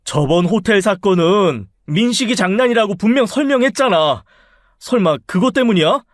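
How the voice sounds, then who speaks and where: Man doing a flustered husband, defensive and pleading, high voice, dry. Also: lively intonation, normal speed, dry recording. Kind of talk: audiobook drama reading.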